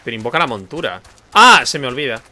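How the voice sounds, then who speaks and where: A man's voice: mid-range voice, sing-song, fast talker, pushed and bright. A man with an accent from Spain, a streamer joking and commenting playfully while he plays a video game. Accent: Spain Spanish. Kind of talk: casual gameplay commentary.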